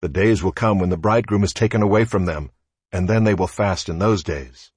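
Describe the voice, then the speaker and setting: A man reading scripture aloud formally, in a measured and declarative way. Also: low-pitched, darkish tone, husky, dry recording, clean studio sound. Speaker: scripture reader at a church service.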